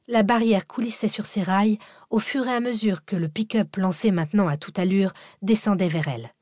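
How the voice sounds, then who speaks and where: A woman narrating a thriller audiobook in a steady, measured reading. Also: mid-range voice, dry recording, studio quality.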